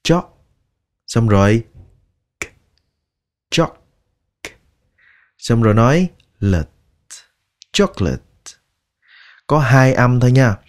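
A man teaching English pronunciation, drilling each word slowly and repeating it many times. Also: mid-range voice, expressive. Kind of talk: slow, deliberate pronunciation lesson.

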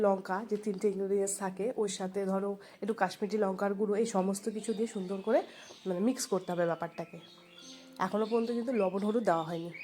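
A woman's voice: medium pitch, dark tone. A woman, stuffed up and nasal from a cold, chatting homely voice-over narration to her viewers. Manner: rambling, homely, talks to viewers. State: congested from a cold. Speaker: home vlogger.

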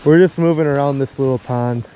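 A man's voice: mid-range voice, brisk, warm tone, lo-fi sound, a little hiss or hum. A man chatting casually for an outdoor fishing vlog on a frozen lake, with slangy buddy-like banter. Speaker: fishing vlogger.

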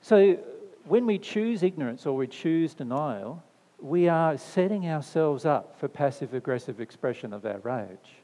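A man's voice: on the high side, animated, a little slow, warm tone. A man giving a spiritual talk to a live audience, answering their questions in a conversational way, often checking in with "right?" and repeating phrases for emphasis. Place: discussion venue, indoors. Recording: long hall reverb.

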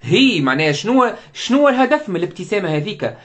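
A man's voice: high voice, big pitch swings, fast, fairly bright tone. A man with a Tunisian Arabic accent giving an impassioned live political commentary, firing off rhetorical questions and mixing in French words.

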